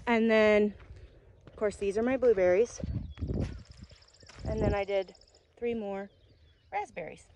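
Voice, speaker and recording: A woman chatting casually to camera as a homesteading vlogger, informally explaining chores outdoors with a tractor rumbling behind. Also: fairly even intonation, slow, long pauses, noisy background. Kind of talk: casual vlog chat to camera. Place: outdoors on a farm.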